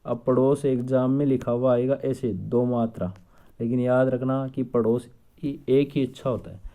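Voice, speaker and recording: Male teacher, very dark mellow tone, drills students with rapid question-and-answer. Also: mid-range voice, flat delivery. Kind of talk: exam-prep spelling lesson.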